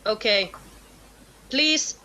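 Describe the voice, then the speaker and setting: A woman's voice: fairly high pitch, animated, extremely slow, sharp tone, poor audio. A woman facilitating an online meeting, friendly and laughing often as she coaxes people to speak. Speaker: session facilitator.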